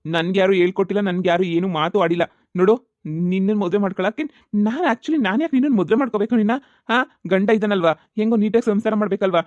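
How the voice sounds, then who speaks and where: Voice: mid-range voice, no room sound, muffled recording, natural voice. A voice actor playing an exasperated man who refuses a marriage, in a cartoon comedy.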